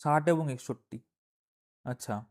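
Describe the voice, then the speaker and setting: A man's voice: fairly high pitch, measured pace, darkish tone. A man teaching from a primary school textbook in a casual recorded lesson. He reads lines aloud, explains with frequent "ah" fillers, keeps asking "okay?" and corrects himself as he goes. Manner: self-corrects page numbers aloud.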